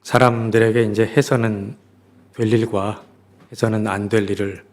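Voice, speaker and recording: A man. He testifies formally as an official would. His phrasing is careful, measured and guarded. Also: on the low side, level tone. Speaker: court secretary-general answering questions.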